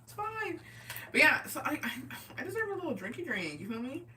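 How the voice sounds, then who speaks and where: Here her voice sits high, swinging widely in pitch, a little fast, bright and forceful. A tipsy woman in her twenties, she reads and answers livestream comments casually, using slang, swear words, and bits of Spanish. Her voice comes from a distance from the microphone.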